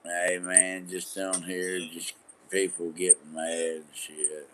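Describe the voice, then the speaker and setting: A man's voice: low voice, completely flat delivery, slow pace, fairly bright tone, slight background noise. A man rambling in casual late-night talk, slangy and profane, repeating himself and drifting from thought to thought.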